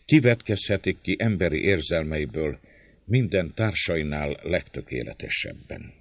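A man narrating a historical novel in measured, expressive storytelling. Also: extremely low pitch, no room sound. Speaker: audiobook narrator. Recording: dull lo-fi, dry sound.

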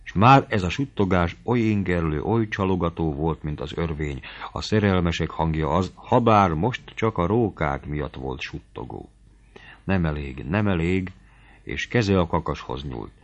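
Male audiobook narrator, low-pitched, expressive and dramatic; dull muffled recording. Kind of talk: audiobook reading of a classic novel.

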